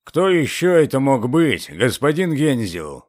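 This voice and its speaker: Fearful, secretive old man, voiced by a male reader; slow, quavering, pleading delivery. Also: mid-range voice, big pitch swings, dry recording, studio quality. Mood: anxious. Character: frightened old secretive gentleman.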